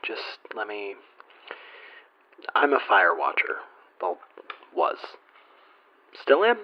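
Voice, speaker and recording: A man's voice: on the low side, huge pitch swings, slow, heavily acted. A man playing a nervous, lonely fire watcher calling a radio station in an audio drama, stammering, hesitant and self-deprecating. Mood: nervous, embarrassed. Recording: dull lo-fi radio call.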